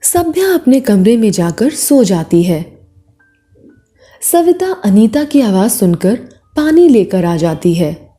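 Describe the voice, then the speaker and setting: Slow, expressive woman narrator. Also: medium pitch, faint music behind. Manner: expressive, measured. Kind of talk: storybook narration.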